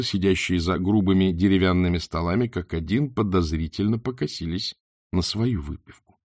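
Husky, expressive male narrator. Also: lowish voice, no echo, clean studio sound. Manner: expressive storytelling. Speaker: audiobook narrator. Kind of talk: scripted narration.

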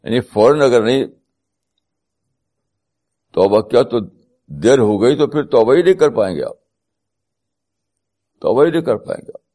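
A man's voice: medium pitch, lively intonation, pauses often, warm tone. A man giving a spiritual talk, mixing English terms into his speech and repeating key phrases for emphasis. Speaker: religious speaker.

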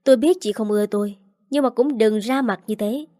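A woman reading the part of a spiteful young aunt who scolds a child, fast and sharp. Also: on the high side, dry recording, studio quality, natural voice. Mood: aggrieved. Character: spiteful young stepmother-aunt, shrill and cruel.

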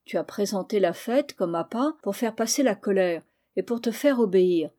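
A calm, reassuring uncle, gently firm and patient, as a woman reads him aloud. The voice is mellow and warm, and the delivery stays even in a storybook reading. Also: mid-range voice, moderate pace, lightly acted. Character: kind, wise middle-aged uncle, a steady comforter. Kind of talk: audiobook reading of a classic novel.

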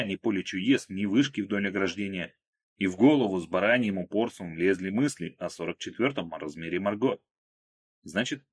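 Low husky male audiobook narrator. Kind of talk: audiobook reading.

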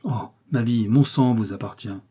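A man's voice: mid-range voice, moderate pace, dark tone, breathy edge, lightly acted. A man reading the part of a devoted, emotional farmer who speaks effusively to his master. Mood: eager. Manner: tearful, effusive. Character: emotional devoted male farmer, loyal servant.

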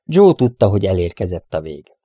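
A man narrating an adventure story in a steady, measured reading voice. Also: low-pitched, no room sound, clean studio sound. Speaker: audiobook reader.

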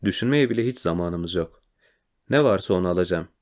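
A man's voice: low-pitched, animated, brisk. A man voicing a frightened middle-aged mother who speaks urgently in a storybook reading. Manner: urgent, fearful.

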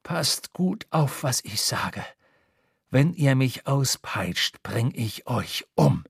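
A man voicing a defiant bound sailor who speaks slowly and low, with quiet threat. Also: very animated, vocal fry, slightly rough, no room sound, clean studio sound, exaggerated voice. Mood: threatening.

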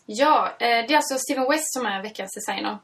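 A woman's voice: fairly high pitch, fairly bright tone, far from the mic. A woman co-hosting a casual podcast chat, telling stories with many fillers. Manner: chatty storyteller, many fillers. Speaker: podcast co-host.

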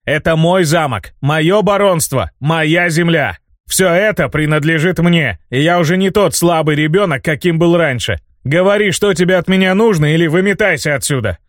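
A man's voice: on the high side, moderate pace, no echo, clean studio sound, voice pushed up, lightly acted. A man reading an audiobook voices a defiant young baron who snaps back in an angry, cutting, sarcastic way. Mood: furious. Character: young male baron, defiant and hot-tempered. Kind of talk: audiobook character voice.

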